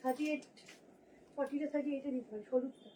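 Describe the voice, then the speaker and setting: Very high-pitched hoarse chatty woman. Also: fast talker, dark tone, a little hiss or hum. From Kolkata, India. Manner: chatty, nonstop talker. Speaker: boutique seller. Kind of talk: live sales showcase.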